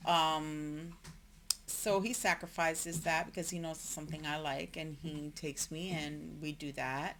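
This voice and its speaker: A woman's voice: low voice, fairly even intonation, unhurried, a bit bright, a little hiss or hum. A woman in her forties co-hosting a couple's podcast, rambling chattily and laughing often. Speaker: podcast co-host. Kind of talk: casual couple chat.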